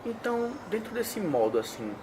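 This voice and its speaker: A man's voice: high voice, big pitch swings, normal speed, noisy background. A man, hosting an interview and probing with questions laid out step by step. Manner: probing, lays out cases step by step.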